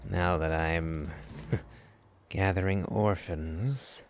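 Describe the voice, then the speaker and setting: A man talks through a video game in a dry, sarcastic way. His voice is low and unhurried. Game music plays loudly underneath. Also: steady tone. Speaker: gameplay streamer. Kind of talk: casual gameplay commentary.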